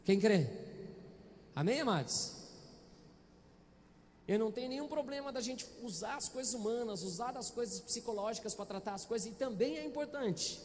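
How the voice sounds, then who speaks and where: A man's voice: very high voice, big-room sound, slight background noise. A male pastor with a Brazilian Portuguese accent, preaching a Sunday sermon in a chatty, playful way and often asking the congregation questions, on a handheld microphone in a church. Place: church auditorium.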